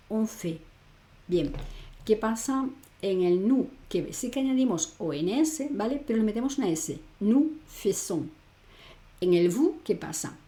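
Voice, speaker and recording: A woman's voice: medium pitch, dark tone. A woman from Spain teaching French grammar in an online lesson, explaining patiently and often checking in with the learner. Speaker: language teacher.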